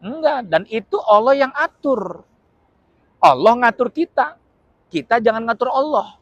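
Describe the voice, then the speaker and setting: A male Islamic preacher giving a lively, humorous religious lecture, often asking his listeners questions and acting out little scenes. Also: extremely high pitch, a little slow, no room sound, lo-fi sound. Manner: acts out short dramatic quotes with shouts.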